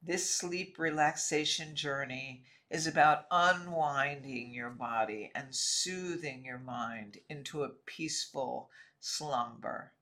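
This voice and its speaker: Slow-paced male sleep story narrator. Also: mid-range voice, bright, forceful tone. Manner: soothing, measured, lulling delivery with short phrases and pauses. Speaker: guided sleep relaxation narrator. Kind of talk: scripted sleep story narration, guided relaxation.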